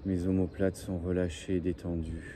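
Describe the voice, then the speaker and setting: A man leading a guided breathing and relaxation meditation in slow, soothing, repetitive phrases, like a relaxation guide. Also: low-pitched, little pitch movement. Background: faint birdsong and ambient noise.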